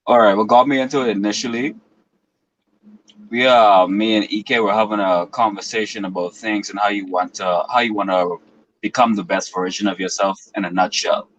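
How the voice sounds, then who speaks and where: A man's voice: lowish voice, fairly even intonation, normal speed, a bit bright, highs cut off. A man in his twenties from the Bahamas, talking as a guest in an earnest, philosophical way with long winding explanations. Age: 20s. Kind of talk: reflective interview talk.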